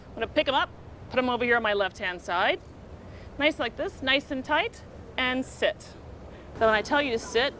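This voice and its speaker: A middle-aged woman with a fairly high voice presents like a trainer, firm and emphatic in her instructions. She is recorded outdoors, with faint city noise behind her. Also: fairly bright tone. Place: outdoors in an open city park.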